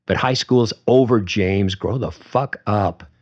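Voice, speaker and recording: A man's voice: fairly low pitch, takes it slowly, dull audio. A man voicing an angry young woman who talks in a firm, clipped, seething way.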